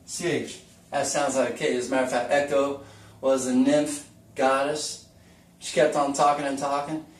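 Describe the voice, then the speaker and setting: A man's voice: mid-range voice, level tone, moderate pace. A man giving a casual whiteboard lesson, chatty and folksy, asking the viewer questions as he goes. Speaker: teacher. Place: room with the camera taped to the wall. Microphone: camera mic from across the room. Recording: roomy echo, distant camera mic.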